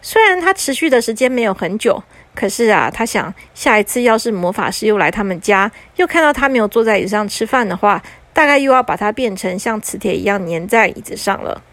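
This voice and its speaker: A woman narrating a bedtime story for children in a gentle, lilting way. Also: mid-range voice, expressive, dry recording. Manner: gentle, lilting with drawn-out particles.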